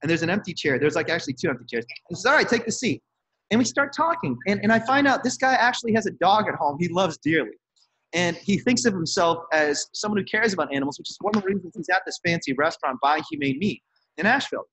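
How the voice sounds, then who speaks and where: A man, an activist on a donor call, telling stories in a casual, animated way and laughing often. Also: high voice, fast talker, breathy edge, low-quality recording. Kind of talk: casual storytelling.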